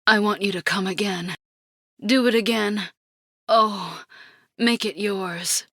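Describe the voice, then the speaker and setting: A woman voicing a passionate young woman in an audiobook, breathy and pleading. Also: medium pitch, slow, sharp tone, no echo, clean studio sound, exaggerated voice. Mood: urging. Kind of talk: audiobook character acting.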